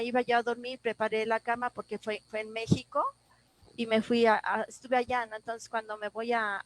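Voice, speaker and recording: A woman in a class discussion telling a personal story, halting and full of restarts, recorded over a video call. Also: fairly high pitch, low-quality recording. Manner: halting, many restarts and repeated words, emotional retelling. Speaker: class participant.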